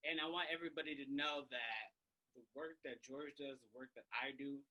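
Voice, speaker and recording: A man's voice: medium pitch, brisk, sharp tone, poor audio. A man with a mid-range voice hosts a casual interview. He reacts to his guest with short, encouraging remarks. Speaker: interview host.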